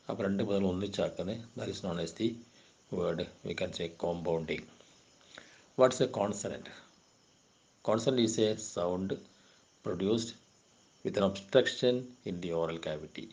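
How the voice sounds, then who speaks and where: Deep-voiced and darkish in tone, a male university lecturer with a Kerala accent works through linguistics exam questions and answers. Slow English readings of definitions alternate with quicker explanatory asides in Malayalam.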